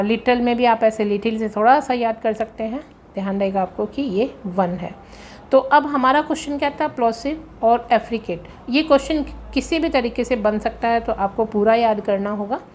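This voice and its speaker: Woman teaching exam phonetics, higher voice. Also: slight background noise. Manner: patient, repeats key points, mixes English terms into Hindi. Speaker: English grammar teacher. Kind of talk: exam-prep lesson explaining questions.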